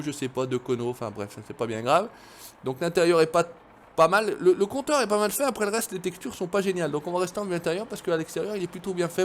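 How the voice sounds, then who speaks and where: A man's voice: on the high side, slight background noise. A man casually commentating a farming game, chatty, swearing now and then, and talking straight to his viewers. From France. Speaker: gaming video host.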